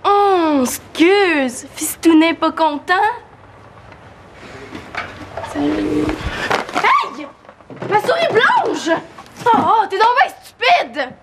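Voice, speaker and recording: Bossy Québécois young woman, very high voice, exasperated, faint hiss behind. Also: wildly swooping pitch, slow pace, pauses often, heavily acted. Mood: fussing. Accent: Québécois French. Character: bossy young woman who fusses over her pet mouse. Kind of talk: TV series acting.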